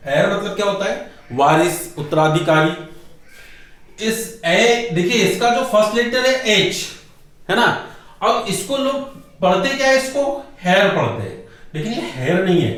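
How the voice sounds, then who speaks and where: A middle-aged man teaching English grammar in a lecture style, who keeps asking rhetorical questions, answers them himself, and drags out key words slowly for emphasis. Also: high voice, a bit bright. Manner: often calls the viewer "bhai". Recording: very echoey room, voice far from mic.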